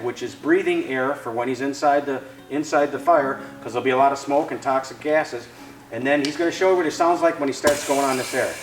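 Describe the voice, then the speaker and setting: A man's voice: fairly high pitch, reverberant, recorded from a distance, poor audio. A man, a firefighter, patiently explaining gear step by step to children. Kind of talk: fire safety demonstration for children.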